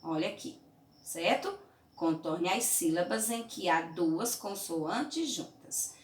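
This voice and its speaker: A woman teaching young children in a remote lesson, from Brazil, patient and clear, often checking in with "tá?" and "certinho?". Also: lowish voice, lively intonation, slow pace, recorded from a distance. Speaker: primary school teacher. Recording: roomy echo, mic held away.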